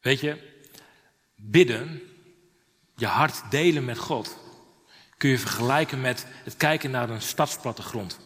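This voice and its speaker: A male preacher telling a story from the pulpit, swinging between animated rises and quieter moments. His voice is bright and forward, and it rings out with a long hall reverb. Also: medium pitch, unhurried, pauses often. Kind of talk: sermon.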